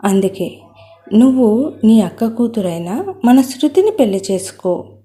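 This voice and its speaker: A woman's voice: on the high side, sing-song, unhurried, mellow, soft background music. A woman voicing a domineering middle-aged mother with a fierce temper, speaking firmly and bluntly. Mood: coaxing. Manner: firm, blunt.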